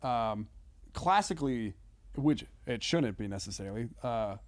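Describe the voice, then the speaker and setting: As a comedian guest on a podcast, a man chats casually in a medium-pitched, animated voice. He talks in halting, hedging bursts, swears casually and checks in with listeners often.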